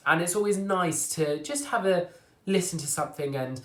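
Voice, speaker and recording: A man teaching an online drama class for children, encouraging and reassuring as he drills tongue twisters slowly. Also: a little high, fairly bright tone. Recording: echoey room.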